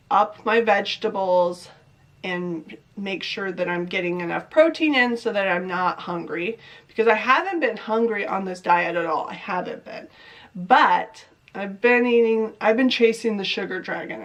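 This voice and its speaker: Stuffed up from a cold, a young adult woman rambles and questions herself aloud in a chatty diet vlog. She speaks at a medium pitch with a fairly bright tone.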